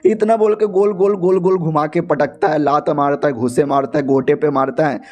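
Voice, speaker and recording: Rich: A high-pitched man narrating a recap in a chatty, jokey storytelling manner. His voice is high and mellow, with faint music behind it. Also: fairly even intonation, moderate pace. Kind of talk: casual comic story recap.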